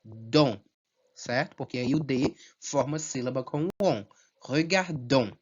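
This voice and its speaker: A patient teacher, explaining French grammar slowly and checking in often with the class. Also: mid-range voice, slightly rough. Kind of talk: language lesson. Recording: slightly dull lo-fi sound.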